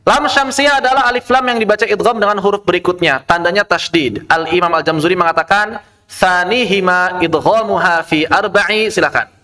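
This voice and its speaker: A man teaching an online tajwid lesson. He explains with rhetorical questions and recites Arabic verse slowly. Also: high-pitched, bright, forceful tone. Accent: Indonesian.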